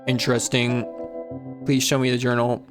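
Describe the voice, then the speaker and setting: A man's voice: mid-range voice, completely flat delivery. A man putting on a robot voice for a solemn, cryptic prophet robot while playing a game. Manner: grave, portentous, measured. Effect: put-on robot voice. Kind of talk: let's play voice acting. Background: game music.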